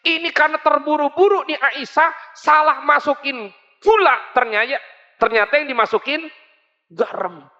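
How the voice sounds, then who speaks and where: A man preaches with animated, lively delivery, calling out to the listeners and playing out everyday exchanges. His voice sits high and bright. The recording is dull and lo-fi, with a long hall reverb around it. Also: normal speed. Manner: animated, acts out quoted dialogue, addresses audience directly. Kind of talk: sermon.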